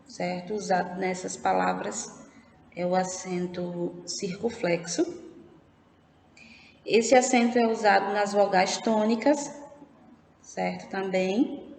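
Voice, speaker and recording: Slow, patient Brazilian woman teacher. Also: medium pitch, fairly even intonation, gravelly, a little mellow. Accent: Brazilian Portuguese. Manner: slow, patient explaining, often checking with "certo?". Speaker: primary school teacher. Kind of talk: recorded remote lesson. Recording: echoey room with faint background noise.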